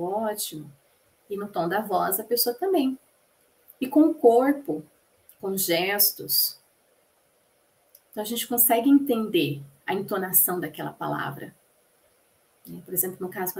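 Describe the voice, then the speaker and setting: A woman voicing a lecture for a class, explaining patiently, asking the listeners rhetorical questions, and pausing to restart phrases mid-sentence. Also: medium pitch. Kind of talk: spoken lecture rendering.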